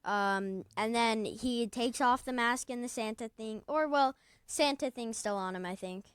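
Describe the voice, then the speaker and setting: Slow, rambling woman with a smooth voice. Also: fairly high pitch, no echo, studio quality. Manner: rambling, hesitant, many fillers. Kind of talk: casual recap of a video.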